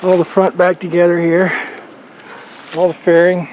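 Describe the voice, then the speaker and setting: A man's voice: high-pitched, completely flat delivery, normal speed, a little mellow, slight background noise. A man giving a casual, rambling video update on his motorcycle project, talking in a folksy, plain-spoken way outdoors. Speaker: motorcycle vlogger. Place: outdoors on a farm.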